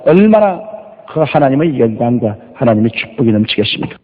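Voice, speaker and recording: A man's voice: mid-range voice, sing-song. Older male pastor preaching in echoing hall. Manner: storytelling, rhetorical questions, drawn-out emphasis. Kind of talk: sermon, Bible exposition. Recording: lo-fi recording with long reverb.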